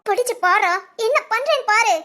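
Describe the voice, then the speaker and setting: A woman's voice: very high voice, lively intonation, moderate pace, background noise. A woman voicing a desperate young village woman in a cartoon drama, pleading and panicky as she runs from her pursuers. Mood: defiant.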